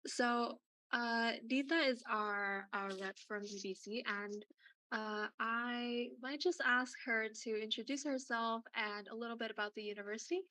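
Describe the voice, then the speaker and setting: A woman hosts a university information session at an unhurried pace, pausing often and filling gaps with "um" and "uh". Her voice sits at an ordinary pitch and sounds close and dry, with no room around it. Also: steady tone, sharp tone, dry recording, poor audio. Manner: hesitant, many fillers. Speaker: event host and mentor. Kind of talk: presenting at an online info session.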